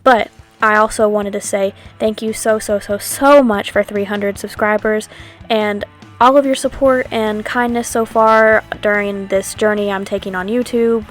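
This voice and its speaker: A woman's voice: medium pitch, fairly even intonation, moderate pace. Young woman vlogger talking over her clips, casual and rambly, mic on a tripod, light music behind. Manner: chatty, upbeat, rambling with fillers. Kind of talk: casual voiceover narration. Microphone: new microphone on a tripod stand. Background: soft background music.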